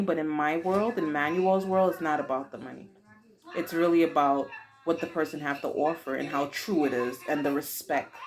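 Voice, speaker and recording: Expressive Haitian woman in her forties. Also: sits low. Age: 40s. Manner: expressive and dramatic, with frequent exclamations. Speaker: mother answering her daughter's Q&A. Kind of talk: casual chat.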